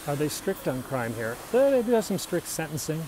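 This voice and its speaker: Fairly quick and very animated, this middle-aged man from the United States speaks in a slightly high voice during a casual hiking livestream. Holding his phone as he walks a hilltop, he responds to viewer questions, and the outdoor sound is noisy.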